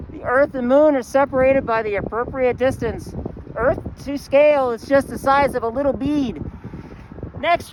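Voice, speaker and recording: Breathless woman teaching astronomy outdoors. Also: sits high. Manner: enthusiastic, explanatory. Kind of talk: outdoor walking science lesson. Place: outdoors on a campus. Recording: wind noise outdoors.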